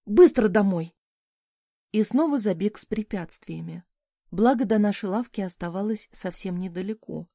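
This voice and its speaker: Female audiobook reader with a warm, mellow voice, expressive first-person narration in a dry booth. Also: medium pitch, moderate pace, gravelly, no room sound. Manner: lively, expressive reading.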